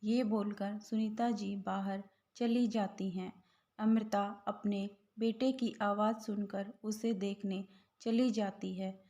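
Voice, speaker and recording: Slow measured woman storyteller. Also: mid-range voice, dark tone. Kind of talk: scripted story narration.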